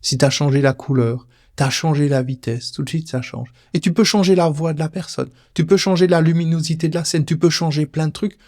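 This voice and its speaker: A man's voice: fairly high pitch, brisk, few pauses, darkish tone. A man giving a casual spoken lesson, talking straight to the listener in an informal, playful way. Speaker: personal development teacher. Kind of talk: casual spoken teaching video.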